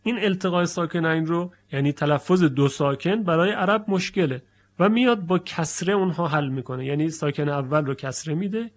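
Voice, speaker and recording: A man teaching the rules of Quran recitation with a slightly higher voice. He explains patiently and slows down to recite example phrases clearly. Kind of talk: spoken lesson.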